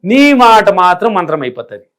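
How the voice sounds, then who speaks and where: Here the man's voice is high, very animated and fairly bright, moving at a quick clip. He is middle-aged, comes from a rural Indian village, and responds to interview questions as a spiritual teacher, repeating himself emphatically to press each idea home.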